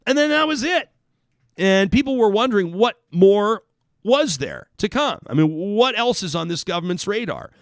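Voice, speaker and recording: A Canadian man hosts a talk radio show, his voice pitched a little high and swinging widely as he riffs with sarcasm. The sound is dry and close, with no room around it. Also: normal speed, dry recording. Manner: animated, sarcastic, swears casually. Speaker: radio host. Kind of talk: opinionated talk radio monologue.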